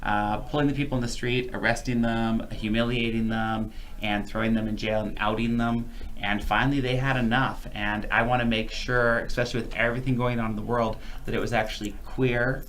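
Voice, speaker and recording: A man's voice: mid-range voice, little pitch movement, fairly quick, hardly any pauses, fairly bright tone, slight background noise. A man co-hosting a casual talk show, speaking earnestly with many fillers and restarts. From Canada. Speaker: co-host. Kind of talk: casual chat.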